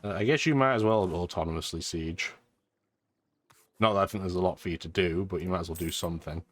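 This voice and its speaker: Deep-voiced and quick, this man hosts a gaming video, chatting dryly and casually through a strategy game. His nose is stuffed and his voice congested, thanks to blocked sinuses and a lingering sore throat, and music plays in the background.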